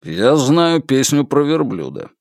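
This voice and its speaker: A practical male detective, as the narrator voices him in an audiobook, blunt and matter-of-fact. He asks plain questions in a slow, unhurried voice. The recording is dry and close. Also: medium pitch, big pitch swings, darkish tone, no echo. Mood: businesslike. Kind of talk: audiobook character voice.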